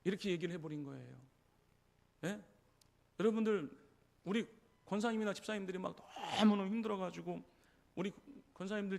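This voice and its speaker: A male pastor with a high-pitched voice preaches a Sunday morning sermon in his church. He retells scripture stories in a lively way, slipping into the voices of the people he quotes and often turning to the congregation with a quick "예?" to check they are following. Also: gravelly. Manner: storytelling preacher acting out quoted voices, frequent "예?". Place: church sanctuary.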